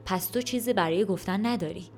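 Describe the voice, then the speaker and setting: A patient school headmaster read by a woman in her own voice speaks with gentle encouragement. The tone is calm and warm-hearted, as in a storybook reading. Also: mid-range voice, soft background music, close to an everyday voice. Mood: encouraging. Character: kind patient elderly male school headmaster.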